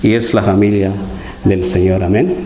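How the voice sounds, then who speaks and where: Over a noisy crowd, a man from Guatemala delivers an earnest sermon in a conversational way as a lay preacher, frequently seeking his listeners' agreement. He keeps a steady tone in a lowish voice at normal speed, with the roomy echo of a church hall around him.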